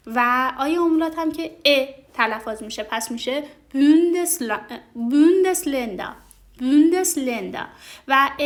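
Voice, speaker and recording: Patient woman teaching pronunciation, higher pitch. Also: fairly bright tone. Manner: patient, repeats and models pronunciations slowly; addresses learners directly, frequent hesitation sounds. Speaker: German language teacher. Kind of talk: vocabulary lesson explanation.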